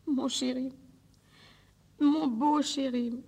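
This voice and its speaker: A woman's voice: sits high, fairly even intonation, drawn-out words, a little mellow, slightly rough, big-room sound, full character voice. An actress playing a desperate, fragile woman who pleads on the telephone with the lover who is leaving her, in a 1950s recorded drama monologue. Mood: pleading. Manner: intimate, pleading, emotionally fragile.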